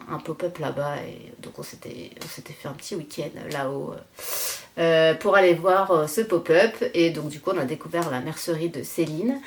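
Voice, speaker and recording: Chatty low-voiced woman, casual podcast. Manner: chatty, rambling, frequent "euh" fillers, self-deprecating laughs. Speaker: knitting podcast host. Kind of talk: casual chat.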